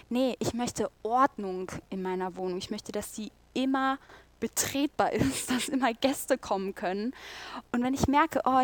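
A woman's voice: on the high side, dry recording. A young woman giving a sermon in a casual, chatty and earnest way, voicing her own thoughts aloud. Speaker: preacher.

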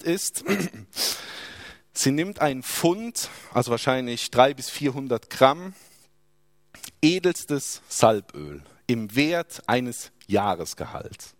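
A man's voice: a little high, no room sound, clean studio sound. A man preaching a sermon, asking rhetorical questions and dropping his voice for emphasis.

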